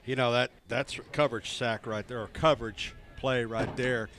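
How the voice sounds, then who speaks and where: A man giving color commentary at a high school football game, breaking down plays in relaxed, analytical asides, recorded at an outdoor stadium. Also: moderate pace, slight background noise.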